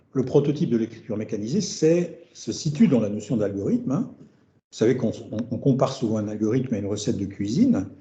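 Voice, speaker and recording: A man's voice: mid-range voice, mellow. A middle-aged man giving an academic seminar lecture, thinking aloud as he goes, repeating words and tagging his phrases with questions. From France. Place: seminar room. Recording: roomy, dull lecture-room recording.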